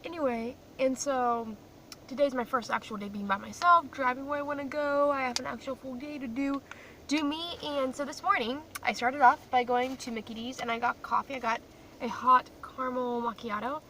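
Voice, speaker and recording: A young woman who grew up in Croatia vlogs to her phone camera from a parked car, chatting casually, rambling, and often poking fun at herself. Her high voice has a sharp tone, fairly even intonation, and a moderate pace. The mic is distant, with faint car noise.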